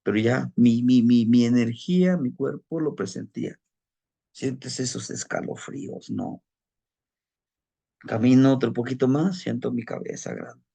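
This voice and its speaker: A man recounts a personal story in a loose, chatty way. His voice is gravelly and husky, with a dark, mellow tone, and he keeps checking in with the listener and stumbling over repeated words. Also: mid-range voice, a little slow. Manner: conversational, frequent tag questions, repeats words while searching. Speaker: storyteller of spirit lore. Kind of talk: casual personal anecdote.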